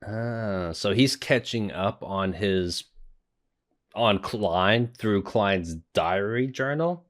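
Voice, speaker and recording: Low-voiced young man reacting casually. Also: drawn-out words, a bit bright. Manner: informal, sweary, blurting. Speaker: reaction video host. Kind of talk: casual commentary while watching anime.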